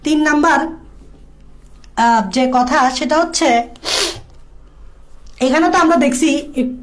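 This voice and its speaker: Woman, high-pitched, casual exam-prep lecture, repeats key points again and again. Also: unhurried. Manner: repetitive, drilling key points. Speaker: biology tutor.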